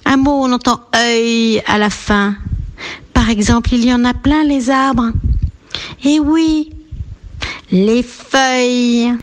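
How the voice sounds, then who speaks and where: A woman teaching a radio lesson for young children, speaking gently with encouraging leaps in her voice. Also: steady tone. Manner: slow, gentle, lilting teacher voice with big pitch leaps to encourage. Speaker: preschool teacher.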